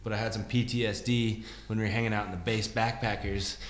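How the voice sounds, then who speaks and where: A man's voice: lowish voice, little pitch movement, fast talker, echoey room, a little hiss or hum. A young American man chatting casually, laid-back and laughing as he rambles. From United States. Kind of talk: casual chat.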